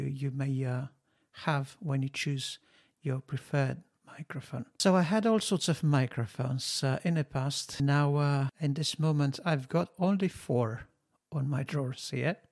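Testing microphones for his podcast, a man chats casually at his home studio desk, close to a dynamic studio mic. His voice is gravelly, mid-range and darkish, and his slow, halting speech is thick with fillers and non-native phrasing.

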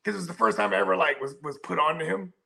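Bright, gravelly-voiced man chatting. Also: high-pitched, rapid-fire. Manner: slangy, laughing storytelling. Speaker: podcast co-host. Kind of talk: casual chat.

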